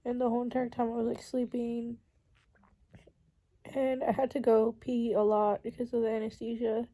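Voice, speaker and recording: A woman's voice: a little high, level tone, moderate pace, dark tone, poor audio. A young woman with a congested, nasal voice talking casually to camera in a personal vlog, informal and slangy. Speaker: vlogger.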